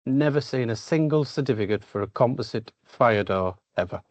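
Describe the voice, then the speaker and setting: A man's voice: medium pitch, animated, normal speed, a little mellow, no room sound. A man talking bluntly and informally in a meeting held over a video call. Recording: slightly dull video call audio.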